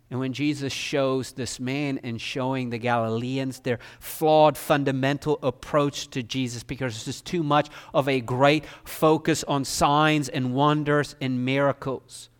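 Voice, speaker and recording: A man's voice: medium pitch, steady tone, measured pace, clear, resonant tone. A man preaching an expository sermon, often quoting verses and acting out the people he describes. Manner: rising to emphatic pleading when voicing the official.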